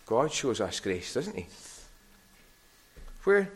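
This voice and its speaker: A middle-aged man with a Scottish Hebridean accent, giving a conversational children's sermon as an animated story with questions to his listeners. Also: mid-range voice, slow, slightly rough. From Harris, Scotland. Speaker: preacher giving a children's talk.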